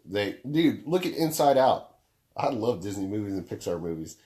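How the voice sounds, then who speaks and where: A young podcast co-host with a deep, low, mellow baritone chats casually at normal speed. Very animated yet laid-back, he swears freely while working through long explanations.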